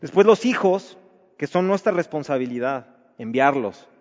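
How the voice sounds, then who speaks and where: A man's voice: a little high, lively intonation, moderate pace, darkish tone. A man preaching a sermon to married men, asking rhetorical questions in a conversational way. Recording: dull reverberant hall recording.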